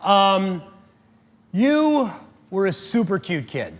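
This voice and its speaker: A male host interviewing a guest, asking gentle, encouraging questions. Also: high voice, very animated, takes it slowly, in a large hall. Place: fitness studio.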